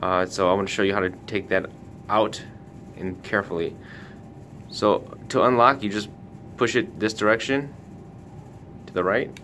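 This retailer's tutorial host walks viewers through a product in a casual, hands-on way, laying out careful instructions one step at a time. He speaks at a moderate pace with fairly even intonation and a pushed, bright quality. A low rumble and noticeable background noise sit under the audio.

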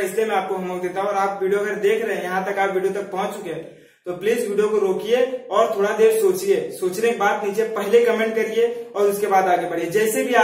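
A male teacher explaining memory tricks, asking questions and answering them himself, and saying "okay" between points. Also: high voice. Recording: very echoey room, mic far off.

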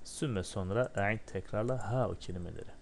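A man with a fairly low voice teaches a patient, step-by-step lesson, putting questions to himself and answering them. He drills short syllables one after another, and a faint hiss sits under the recording. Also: fairly quick, gravelly, darkish tone. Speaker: Arabic teacher.

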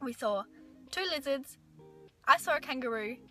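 A woman's voice: high voice, moderate pace, faint music behind. Chatty young Australian woman vlogging. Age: young adult. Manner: chatty, excitable, narrating her day. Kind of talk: casual travel vlog. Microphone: phone at arm's length.

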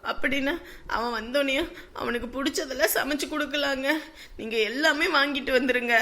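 Tearful mother, high pitch, bright tone. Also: steady tone, a little fast. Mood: hopeful. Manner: tearful, pleading. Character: anxious village mother grieving a missing son. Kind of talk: village web-series drama.

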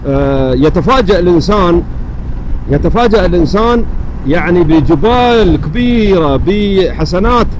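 A man with an Emirati Gulf Arabic accent talking casually and earnestly about faith as he rides, repeating phrases for emphasis. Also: high voice. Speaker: motovlogger. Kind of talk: casual religious reflection while riding. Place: outdoors on a motorbike in traffic. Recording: steady vehicle and traffic noise.

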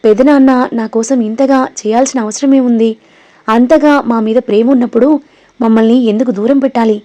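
Give me an earnest young man, read by a woman in a spoken story, with a mellow tone. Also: on the high side, fairly even intonation, brisk, lo-fi sound, close to an everyday voice.

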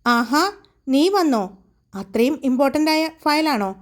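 A woman's voice: sits high, measured pace. A woman voicing a caring middle-aged mother who teases her daughter playfully in a storybook tale. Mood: teasing. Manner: fond, scolding playfully.

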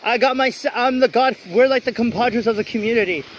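Walking down a wet city street at night, a man vlogs on a handheld phone, ranting bluntly with many restarts. His voice is extremely high and brisk, with slight background noise.

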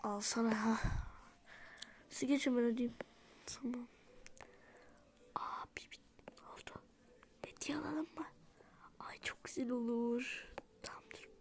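A woman in whispered role-play, voicing dolls in a game and switching between character voices, often softly whispering. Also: fairly high pitch, a little slow, long pauses. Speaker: YouTuber voicing dolls in a life-sim game.

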